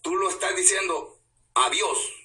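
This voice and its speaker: A man preaching a sermon as pastor, swinging from hushed asides to shouts. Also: high-pitched, measured pace. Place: church. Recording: echoey church, voice from a distance.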